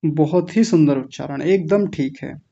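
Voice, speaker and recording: A Sanskrit recitation teacher who stretches out each syllable when modelling pronunciation and then explains quickly. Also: medium pitch, creaky, warm tone. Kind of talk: online recitation class, correcting pronunciation. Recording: dull lo-fi audio.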